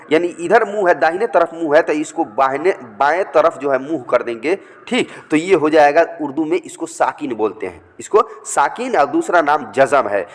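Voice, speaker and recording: A man teaching a reading lesson, patiently repeating words and sounding out syllables slowly. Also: a little high, in a large hall.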